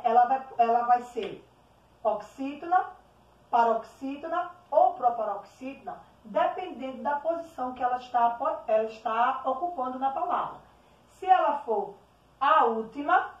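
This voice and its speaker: A Brazilian woman teaching small children from home, with a fairly high voice. She is affectionate and draws out the stressed syllables slowly. The audio sounds distant and dull, in a room with a lot of echo. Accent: Brazilian Portuguese. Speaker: primary school teacher. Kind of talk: remote lesson for young children.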